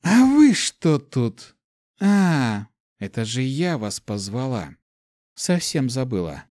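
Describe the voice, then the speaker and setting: A man voicing a hot-tempered dragon elemental in the form of a young girl, shouting and swearing. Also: medium pitch, big pitch swings, takes it slowly, no room sound, studio quality. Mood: bratty.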